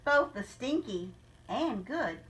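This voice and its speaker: Like a teacher sharing a story, a woman reads a rhyming children's picture book with deliberate, expressive delivery. She sounds a little high and sits far from the microphone.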